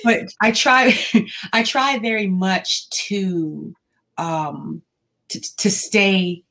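A woman talking as an interview guest in a calm, measured way, often breaking into light laughter. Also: medium pitch. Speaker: school staff working with students. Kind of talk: casual interview conversation.

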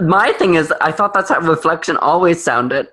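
A man co-hosting a podcast in casual pop-culture chat, talking in a sassy, expressive way. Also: normal speed, slight background noise. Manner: expressive and sassy, with big swoops up in pitch. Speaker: podcast co-host.

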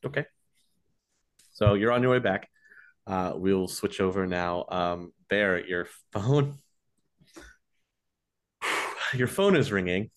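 A man narrating as game master of a tabletop role-play, talking in a relaxed, halting way. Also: sits low.

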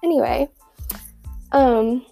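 Chatty teen girl, muffled, slightly high. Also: slow pace, dark tone, soft background music. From Texas. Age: teens. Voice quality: muffled by a face mask. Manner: rambling, slangy, giggly. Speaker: podcast host. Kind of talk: casual chatty monologue. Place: at school.

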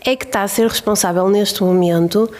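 A woman's voice: mid-range voice, steady tone, a little fast, a little mellow. A woman with a European Portuguese accent in a casual podcast conversation, speaking in a reflective, emphatic and hesitant way.

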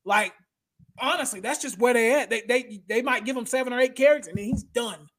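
A man's voice: extremely high pitch, a little fast, a bit bright. A man hosting a casual sports talk show, blunt and opinionated, who often says "bro" and "y'all". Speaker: podcast host.

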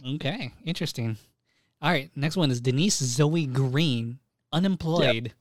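A man in easy, laid-back podcast chat who swears freely and reads names from a list. His voice sits at an ordinary middle pitch. The sound is dry and close, with no room around it. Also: measured pace, no room sound. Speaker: podcast co-host. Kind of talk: casual chat.

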